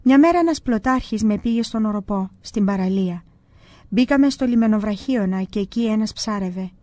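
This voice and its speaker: A woman calmly reading a religious book aloud in the first person, in scripted narration. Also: medium pitch, dry recording. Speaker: audiobook reader.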